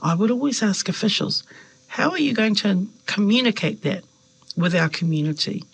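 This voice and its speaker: Her voice is mid-range, gravelly and husky, moving at a moderate pace over poor audio. She's a New woman, a Samoan first-language speaker and member of parliament, offering reflective interview answers that are thoughtful and filler-laden yet animated when she quotes others.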